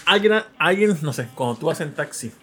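Husky Mexican man telling stories. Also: fairly high pitch, fairly quick, soft background music. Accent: Mexican Spanish. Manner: animated storyteller, acts out quoted voices. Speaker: podcast host. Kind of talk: casual chat.

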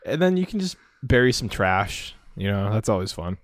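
A young man co-hosting a podcast, joking in a deadpan way and swearing a lot. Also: fairly low pitch, normal speed, dry recording, studio quality. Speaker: podcast co-host. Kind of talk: casual podcast chat.

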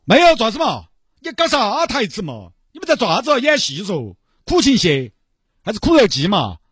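A man's voice: sits high, wildly swooping pitch, normal speed, fairly bright tone, slightly rough, dry recording, clean studio sound, voice pushed up, heavily acted. A man doing a scolding Sichuanese old man. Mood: grumbling. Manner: scolding, nagging. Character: cranky old man of seventy, loud and scolding.

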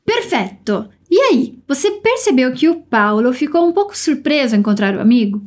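A high-voiced woman with a Brazilian Portuguese accent runs a podcast language lesson. She sounds upbeat and encouraging and slows down carefully to model each word. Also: very animated. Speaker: language teacher.

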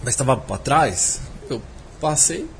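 A man's voice: medium pitch, animated, slow, slight background noise. A man telling a casual anecdote in a podcast chat. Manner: chatty, tells anecdotes.

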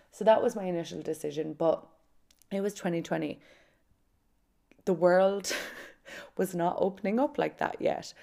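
Hosting a solo podcast, a woman in her late twenties or around thirty tells personal stories candidly and casually, mixing self-mocking humor with dramatic emphasis. Her voice is fairly low with vocal fry and a dark tone.

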